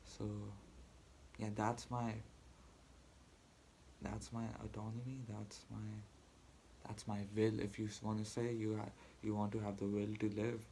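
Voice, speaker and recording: Man, angry rant, swearing, halting restarts, gravelly low voice, flat delivery, faint hiss behind. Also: rough recording. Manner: heated, profane, halting with restarts. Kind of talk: angry personal rant to camera.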